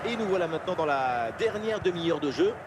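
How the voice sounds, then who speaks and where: A man as an excited, high-pitched male football commentator. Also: brisk, heavy background noise, natural voice. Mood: keen, engaged. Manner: clipped name-calling, surging on big plays.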